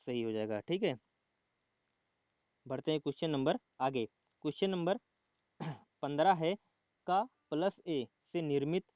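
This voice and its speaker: A man running through exam quiz answers at a steady middle pitch, restating each answer and filling gaps with "okay". The recording is dry and slightly muffled, like a cheap home mic. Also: dry recording. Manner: repeats the answer, frequent filler "okay", clears throat. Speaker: exam-prep tutor.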